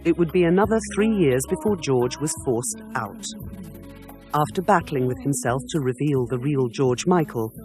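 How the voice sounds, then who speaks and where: A man giving scripted documentary narration in a measured, dramatic way. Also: mid-range voice, expressive, darkish tone, soft background music.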